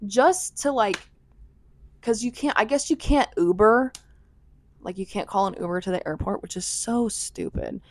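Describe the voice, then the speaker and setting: A woman's voice: medium pitch, moderate pace, dry recording. A young American woman telling a travel story in casual vlog style, peppered with "like" and laughing asides. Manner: chatty, filler-heavy with frequent "like", laughing asides. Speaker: vlogger.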